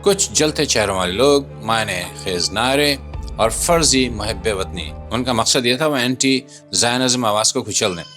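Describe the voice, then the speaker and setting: With a music bed underneath, this narrator delivers scripted political commentary for a video in a dramatic, emphatic, rhetorical style. His voice sits mid-range and sounds a bit bright.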